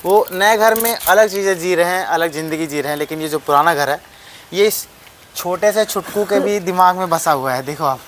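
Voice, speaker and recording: A man's voice: sits high, moderate pace, fairly bright tone, a little hiss or hum. A young man vlogging a tour of an old mud house, talking straight to viewers in a rambling way and repeating his phrases, recorded on a phone camera. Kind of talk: casual vlog tour.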